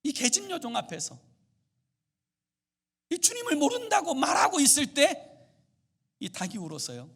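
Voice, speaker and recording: A male pastor preaching in a high voice that climbs and falls with great animation. He builds to loud, fervent exclamations, then sinks into hushed, murmured lines, and the whole delivery stays theatrical. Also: huge pitch swings, moderate pace, vocal fry, pauses often. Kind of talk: sermon.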